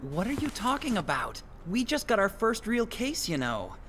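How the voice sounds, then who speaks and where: A cocky young detective. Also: male voice, high voice, wildly swooping pitch, normal speed, fairly bright tone, slight background noise, heavily acted. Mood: brash. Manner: cocky and impatient. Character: brash young male detective, agency boss. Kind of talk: video game voice acting.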